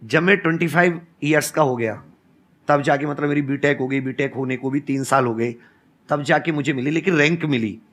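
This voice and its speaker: A man's voice: fairly high pitch, a little fast, fairly bright tone. A man in his thirties, a teacher and co-founder, telling stories earnestly and counting off his points on a panel. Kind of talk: conversational panel talk.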